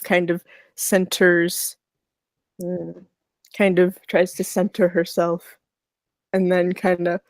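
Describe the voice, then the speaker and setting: A woman of average pitch narrates her character in a tabletop game. She talks casually and very slowly, halting and restarting, on a dry, close recording. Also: darkish tone, dry recording. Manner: hesitant, halting. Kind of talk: casual role-play narration.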